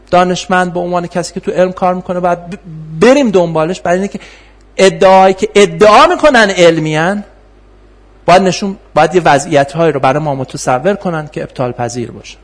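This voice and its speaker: A man lecturing in a classroom on philosophy of science, explaining with rhetorical questions and filler pauses. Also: high-pitched.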